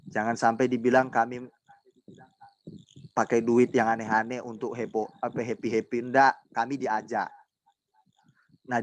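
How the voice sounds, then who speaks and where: A loud, emphatic man preaching to a youth group over a video call, teasing members by imitating their voices. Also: medium pitch. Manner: loud, emphatic, says he talks loudly. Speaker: pastor teaching a youth group. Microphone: laptop mic on a video call.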